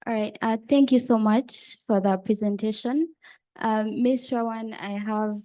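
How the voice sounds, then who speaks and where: A woman's voice: fairly high pitch, fairly even intonation, measured pace, warm tone. A young woman from Uganda standing in a large conference hall with a handheld mic, politely asking the panel a question. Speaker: audience questioner.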